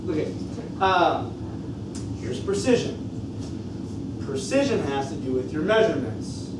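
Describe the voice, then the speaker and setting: A man's voice: fairly high pitch, big pitch swings, measured pace. A man with a North Dakota accent teaching a class, explaining step by step and often checking in with short questions. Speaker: science teacher. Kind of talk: classroom lecture with questions to students. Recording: echoey classroom from far off, noisy.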